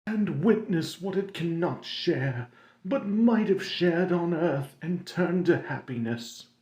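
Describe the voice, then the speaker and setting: A wailing old ghost weighed down by chains, as a man puts him on for a storybook reading. His voice rises high and strained, stretched slow with grief. It rings in an echoey room. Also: expressive, darkish tone. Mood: mournful.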